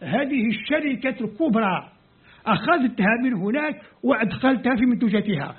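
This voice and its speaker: A man's voice: extremely high pitch, lively intonation, brisk, breathy edge. A man from Algeria speaking Arabic with an Algerian accent, Kabyle his first language, lecturing as a scholar and sounding out letters and words step by step. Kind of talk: explanatory lecture. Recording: tinny phone-like lo-fi audio.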